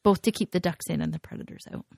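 A woman's voice: on the low side, quick pace, creaky, darkish tone, no echo, clean studio sound. A woman co-hosting a casual podcast, chatting and gushing with frequent laughs, rambling as she goes. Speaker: podcast co-host. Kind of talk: casual chat.

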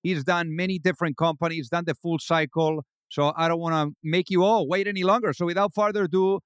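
A man's voice: a little high, fairly even intonation, fairly quick, smooth, no room sound, studio quality. A man hosting an interview podcast, reading an ad and welcoming his guest with upbeat enthusiasm. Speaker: podcast host.

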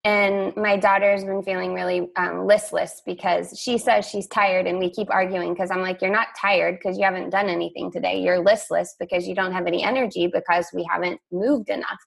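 Middle-aged woman guest, gravelly fry, chatty storyteller. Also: on the low side, fairly even intonation, fairly quick, hardly any pauses. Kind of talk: casual conversation.

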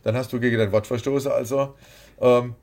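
This man, a boxing promoter, is the guest in a casual interview, where he talks bluntly and rambles. His mid-range voice is steady and darkish, and he speaks fairly quickly.

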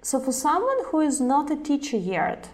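A woman's voice: high-pitched, wildly swooping pitch, normal speed, darkish tone. Woman host, curious and wordy questioner, casual fillers. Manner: long, searching questions with fillers like "like" and "uh". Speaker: interviewer, host. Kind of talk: interview questions.

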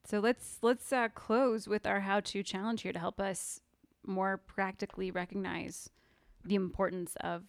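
A woman's voice: mid-range voice, level tone, measured pace, dry recording, studio quality. A woman co-hosting a casual faith podcast, talking earnestly with lots of "like" fillers. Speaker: podcast co-host.

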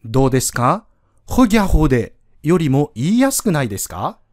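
A man's voice: mid-range voice, sing-song, fast, dry recording, studio quality. A man teaching a pronunciation lesson on a podcast, explaining patiently step by step and demonstrating sounds aloud. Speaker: French language teacher.

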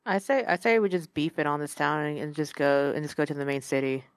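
A woman's voice: low-pitched, expressive, fast, no room sound. A woman playing a tabletop role-playing game, joking playfully with the group. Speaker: player. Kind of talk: casual game table chat.

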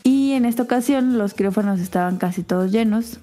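A woman, co-hosting a podcast and telling a chatty, animated anecdote in a casual way. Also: a little high, brisk, soft background music. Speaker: podcast co-host. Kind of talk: casual storytelling chat.

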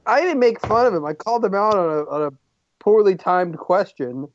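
A man's voice: high-pitched, animated, moderate pace, no echo, dull audio. A man co-hosting a casual podcast, answering teasing in a mock-offended, defensive way. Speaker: podcast co-host. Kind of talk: casual chat.

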